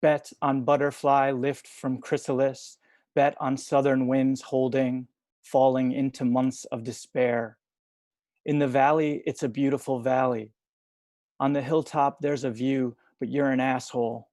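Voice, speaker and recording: A young man reading poetry over a video call from home, soft-spoken and hesitant between poems. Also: mid-range voice, flat delivery, measured pace, dry recording. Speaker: poet reading at a livestream.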